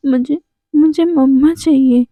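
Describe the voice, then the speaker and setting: A woman's voice: high-pitched, fairly even intonation, normal speed, dark tone, no room sound, natural voice. A woman voicing a small little boy who sobs and pleads for his mother. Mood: tearful.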